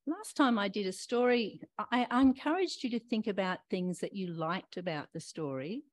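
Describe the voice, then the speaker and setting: An older woman preaching a gentle, reflective sermon, talking straight to her listeners and asking them questions. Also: medium pitch, animated, normal speed, dry recording. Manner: warm questioning, talks to listeners directly.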